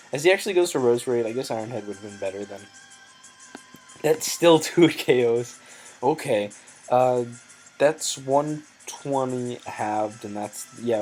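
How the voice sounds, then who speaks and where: A man's voice: medium pitch, darkish tone, low-quality recording. A man giving hesitant, thinking-aloud commentary over his competitive game, with frequent ums and self-corrections, and his voice sometimes cracks.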